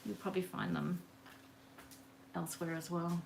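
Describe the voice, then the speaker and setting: A woman hosts a live craft session from her table at home, talking in a loose, rambling way and greeting viewers by name as she works. Her voice sits a little low, with a faint hiss behind it. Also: flat delivery, normal speed, gravelly. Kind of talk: casual live craft demo chat. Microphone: camera on the work table.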